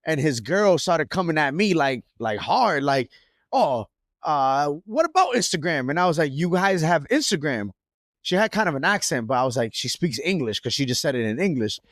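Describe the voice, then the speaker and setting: A man's voice: fairly high pitch, animated, brisk, few pauses, fairly bright tone, no room sound, clean studio sound. A young man co-hosting a podcast, telling a story in casual chat full of slang and restarts. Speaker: podcast co-host. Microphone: podcast mic.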